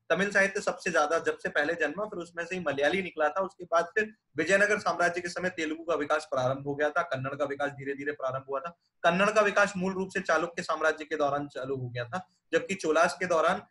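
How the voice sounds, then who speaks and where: Male lecturer from India, patient and explanatory, high pitch, repeats and demonstrates sounds. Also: sharp tone. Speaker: teacher. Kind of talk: classroom lecture.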